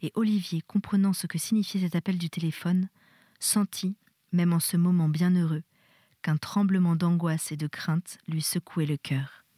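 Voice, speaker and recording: A woman reading a novel aloud in a soft, intimate style, sometimes dropping to a whisper. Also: lowish voice, steady tone, moderate pace, no room sound, studio quality. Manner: soft, intimate, drops to a whisper in tender passages. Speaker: reader.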